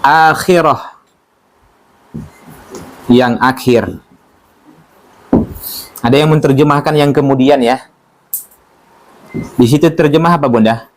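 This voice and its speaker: A man's voice: medium pitch, takes it slowly, long pauses, a little hiss or hum. A man teaching a religious study class, talking informally, joking and asking his listeners questions. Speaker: Quran teacher.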